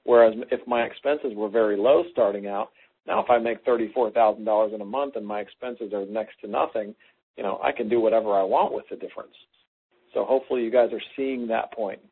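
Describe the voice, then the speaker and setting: A man co-hosting a talk, teaching through an animated personal story and acting out quoted lines. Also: fairly low pitch, fairly quick, husky. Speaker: co-host. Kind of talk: conversational teaching. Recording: phone-like lo-fi line.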